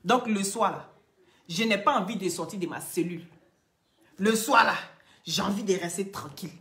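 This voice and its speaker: A woman talking casually to her viewers, animated and scolding, going from loud outbursts to quiet pleading. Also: medium pitch, normal speed. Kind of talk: casual chat, addressing viewers.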